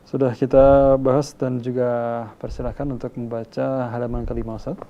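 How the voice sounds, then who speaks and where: A man's voice: medium pitch, level tone, a little fast. A man with an Indonesian accent co-hosting a live call-in lesson, making brief, formal announcements. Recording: dull, slightly noisy audio.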